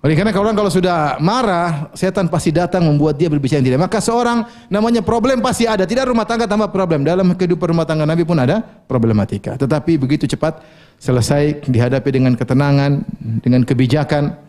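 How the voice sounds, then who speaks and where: A man's voice: a little high, fast talker, darkish tone. A male preacher giving a sermon, asking the audience questions, answering them himself, and quoting Arabic scripture with translations.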